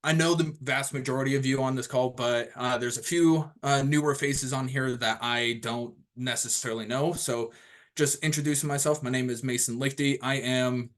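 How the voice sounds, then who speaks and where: A man's voice: medium pitch, fairly even intonation, normal speed. A man in his twenties hosting an online training call over video, talking casually and rambling with lots of fillers and restarts. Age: 20s. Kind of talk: casual self-introduction on a group call.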